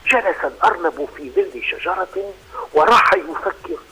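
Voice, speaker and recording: Guy reading a kids story on radio, high voice, swoops around a lot. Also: moderate pace, slightly rough, low-quality recording. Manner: animated, expressive. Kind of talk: children's story narration.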